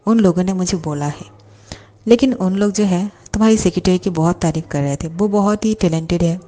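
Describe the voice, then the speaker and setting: A stern, commanding father scolding his grown son, voiced by a woman narrating a storybook. The voice is lowish and warm, with dark, soft tones. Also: brisk, lightly acted.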